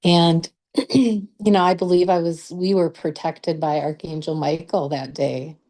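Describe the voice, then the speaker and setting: A woman guest in an interview, telling a personal story slowly and hesitantly, with many fillers. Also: fairly low pitch, fairly even intonation, warm tone. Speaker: guest, Reiki practitioner and author.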